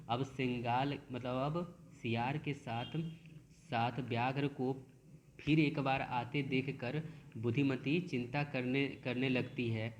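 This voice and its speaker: A man teaches a school lesson, reading lines slowly and carefully before explaining them in a plain, mid-pitched voice. He often stops and starts over mid-phrase. A faint hiss of noise sits behind him. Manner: reads verses slowly, then explains with frequent restarts.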